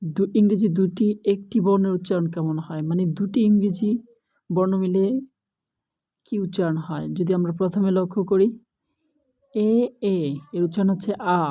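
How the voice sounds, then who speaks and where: Young woman, lower voice, very slow, careful lesson delivery. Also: muffled recording. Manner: slow, careful listing of letter pairs. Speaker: English teacher.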